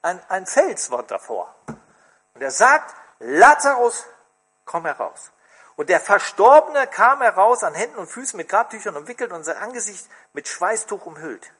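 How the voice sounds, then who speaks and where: Male preacher, high husky voice, animated delivery, questions to the congregation. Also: normal speed. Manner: expressive, asks the congregation questions. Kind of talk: sermon.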